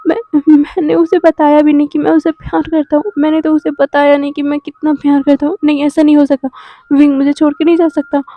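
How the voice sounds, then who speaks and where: A woman's voice: high voice, steady tone, a little fast, dry recording, dull audio, close to an everyday voice. A woman voicing a stammering grief-struck young husband. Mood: desperate. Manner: stammering, pleading, breaking into cries. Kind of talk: dramatic storytelling reading.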